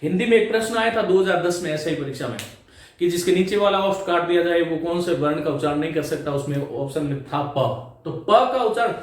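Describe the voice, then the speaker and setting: A male teacher with a high voice lectures on grammar, pronouncing sounds aloud in drills and putting questions to the class. He is recorded from some distance in a strongly echoing room. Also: brisk. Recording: echoey room, mic at a distance.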